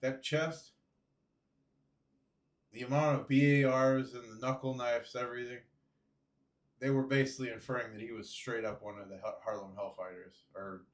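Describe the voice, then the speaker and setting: A man's voice: medium pitch, fairly even intonation, normal speed, pauses often. A man co-hosting a casual podcast, making dry, blunt remarks. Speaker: podcast co-host. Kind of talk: casual chat. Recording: echoey room.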